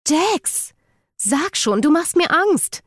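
A woman's voice: mid-range voice, lively intonation, moderate pace, dark tone, husky, dry recording, clean studio sound. A woman reading the part of an anxious, impatient teenage girl in an audiobook, pleading and demanding answers. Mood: urgent.

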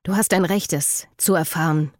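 A woman reading the lines of a hesitant, evasive teenage boy in an audiobook, halting and stammering. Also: on the low side, darkish tone, no echo, clean studio sound, close to an everyday voice. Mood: subdued.

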